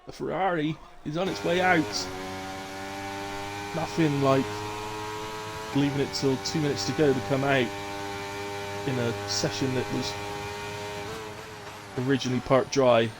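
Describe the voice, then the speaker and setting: A man's voice: mid-range voice, fairly even intonation, a little slow, long pauses, heavy background noise. A man giving chatty, teasing live commentary on an online race. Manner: teasing, chatty, laughs often. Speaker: sim racing commentator.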